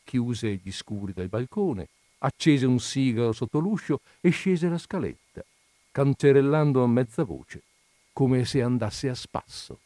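A man narrating a classic literary story in a measured, unhurried reading, recorded close to the mic. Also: medium pitch, lively intonation, warm tone. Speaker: reader of literary stories.

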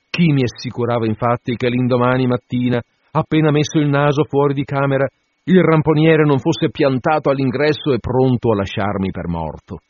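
Male audiobook narrator, husky and lively, first-person storytelling, dry lo-fi sound. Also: medium pitch, no room sound. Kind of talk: audiobook reading of a classic novel. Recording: dull lo-fi dry recording.

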